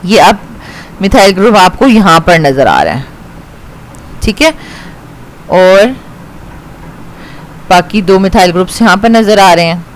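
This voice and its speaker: A woman's voice: mid-range voice, sing-song, a little slow, long pauses, slight background noise, low-quality recording. A woman chemistry teacher with a Pakistani accent, patiently explaining a reaction step by step and often checking in with her students. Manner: patient, repeats "ठीक है" to check understanding, mixes in English.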